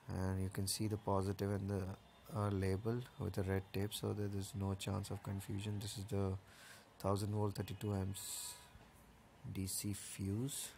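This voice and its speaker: A man's voice: deep voice, creaky, a little mellow, slight background noise. A man walking through a rooftop solar installation, explaining each part step by step in a plain, casual way, with the odd filler. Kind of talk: casual technical walkthrough.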